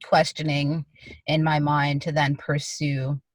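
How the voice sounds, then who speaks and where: A woman's voice: low-pitched, flat delivery, slow pace, no room sound, rough recording. A woman artist answering interview questions over a video call from her car, hesitant and full of likes and kind-ofs. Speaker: guest artist.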